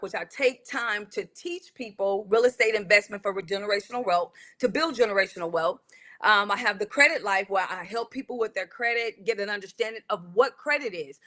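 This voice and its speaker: A woman's voice: mid-range voice, sharp tone. A woman from San Antonio, a real estate broker telling her story in an earnest interview with frequent repeats. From San Antonio, Texas. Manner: earnest, talks in repeated restarts.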